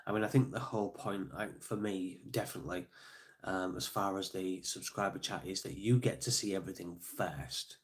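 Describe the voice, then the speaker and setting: A middle-aged man with a low, steady voice hosts a casual live stream at a normal speed. He sounds congested and sniffly, chatting away, thanking viewers by name and filling gaps with lots of ums.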